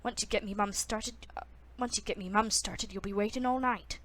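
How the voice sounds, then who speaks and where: A woman's voice: medium pitch, fairly even intonation, fairly quick, fairly bright tone, natural voice. A woman voicing an easygoing young male shop clerk with a lilt. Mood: friendly. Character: friendly young Irish shop clerk man.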